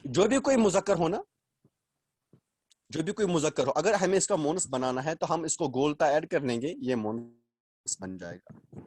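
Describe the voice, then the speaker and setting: A man's voice: fairly high pitch, expressive, darkish tone, slightly rough. Man teaching on a video call. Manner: explains slowly, repeats words, quizzes students. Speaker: Arabic teacher. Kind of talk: online class lecture.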